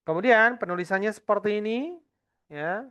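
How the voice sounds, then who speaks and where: A man teaching an Arabic lesson to adult students, patiently explaining and slowly repeating each word for the class. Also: sits high, animated, a bit bright, clear, resonant tone, muffled recording.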